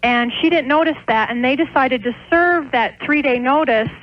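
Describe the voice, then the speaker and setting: Calling a radio program by telephone, this American small-restaurant owner speaks at a moderate pace in a high-sitting voice. Her unscripted explanation is hesitant and meandering, and the dull lo-fi phone audio carries a slight hiss or hum.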